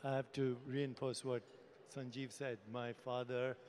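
A man's voice: medium pitch, little pitch movement, measured pace, darkish tone. An older man from India speaks with very little rise and fall in his voice. He sits away from the mic, and the long reverb of a big hall hangs around his words. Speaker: physician panelist.

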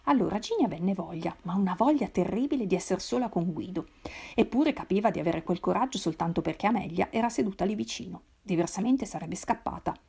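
A woman reading a novel aloud in a measured, expressive way. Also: mid-range voice, vocal fry, husky. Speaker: reader. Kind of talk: literary read-aloud.

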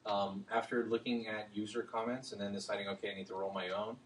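Low-voiced guy in the crowd asking quick questions, far off mic, faint noise. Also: flat delivery. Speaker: audience member. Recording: distant mic with room noise.

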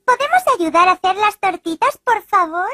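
A woman's voice: extremely high pitch, moderate pace, dry recording, full character voice. A woman voicing a cheerful, giggly little girl piglet in a cartoon dub. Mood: excited. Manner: giggly, excited.

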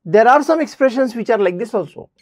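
A male math teacher explains a lesson to his students. He repeats each point and speaks to them directly, with an animated pitch that swings up and down. The recording is dry and close. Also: fast talker, dry recording.

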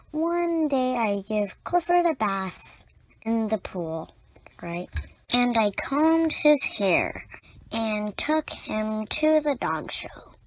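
A storyteller, a woman with a voice on the high side, reads a children's picture book aloud in slow, spaced-out phrases, adding short asides to her young listeners. The audio quality is poor.

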